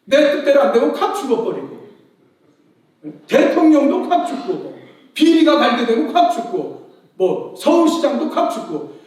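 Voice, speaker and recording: A male pastor preaching with a strikingly high voice that swoops up and down with lively energy. He fires rhetorical questions and acts out voices from his stories. The sound rings through a very echoey church hall, picked up from some distance. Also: moderate pace. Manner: animated preaching with rhetorical questions and acted-out quotes. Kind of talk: sermon. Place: church sanctuary.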